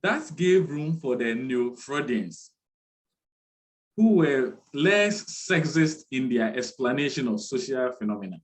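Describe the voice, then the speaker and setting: Slow, deliberate male lecturer. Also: mid-range voice, animated, rough recording. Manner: slow, deliberate, repeats key terms. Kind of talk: online lecture.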